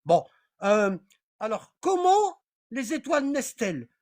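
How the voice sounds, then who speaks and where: With a mid-range, sing-song and slightly mellow voice at a measured pace, a religious teacher holds an informal online class. They read from a text, comment afterward, ramble, repeat themselves, and keep checking for understanding.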